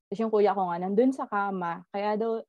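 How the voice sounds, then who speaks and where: A woman telling a ghost story in casual chat, animated and laughing often as she tells it. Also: mid-range voice, fairly quick, no room sound. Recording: slightly dull lo-fi audio.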